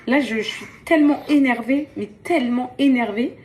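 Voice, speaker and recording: A woman's voice: high-pitched, normal speed, darkish tone, a little hiss or hum. A tired young woman in casual vlog chat, venting and exasperated, often repeating herself. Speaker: vlogger. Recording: household clatter behind.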